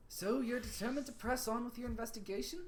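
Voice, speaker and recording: A man voicing a measured, grave quest-giving advisor with stately, formal phrasing in a tabletop game. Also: extremely high pitch, a little hiss or hum, voice pushed up. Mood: advising.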